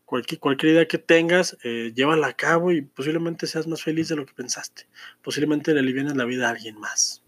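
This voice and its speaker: A man's voice: a little high, fairly quick, a bit bright, dry recording. A man, giving a chatty, enthusiastic film review with many fillers and restarts. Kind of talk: casual film review monologue.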